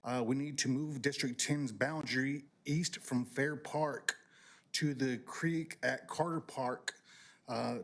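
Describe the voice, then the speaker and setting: A man reading a prepared public comment at a city council meeting, measured and halting with fillers. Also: medium pitch.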